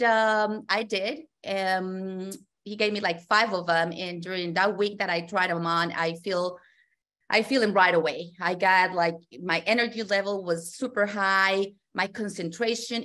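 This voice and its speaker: A woman's voice: medium pitch, a bit bright. A woman from Colombia, telling an earnest personal story with many fillers and restarts. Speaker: testimonial guest. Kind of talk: personal testimony.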